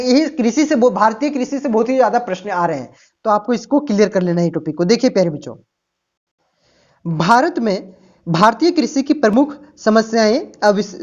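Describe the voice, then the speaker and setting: A woman's voice: a little high, a little mellow. Teacher lady w going over exam answers, keeps asking her own questions, muffled lo-fi audio. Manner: explains with rhetorical questions, repeats "ठीक ना" and "प्यारे बच्चों". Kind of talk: exam-prep lesson. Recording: dull lo-fi recording.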